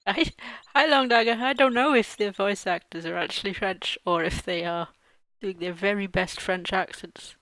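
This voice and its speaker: A woman's voice: mid-range voice, moderate pace, a bit bright, no echo. Joking Welsh woman streamer. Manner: chatty, joking. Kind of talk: gameplay commentary.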